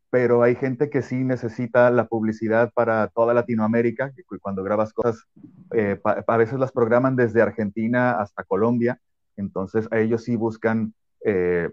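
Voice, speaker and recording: A man's voice: fairly low pitch, steady tone, normal speed, no room sound, highs cut off. A man from Guadalajara with a Mexican accent, a voice-over narrator chatting casually and easily in an interview.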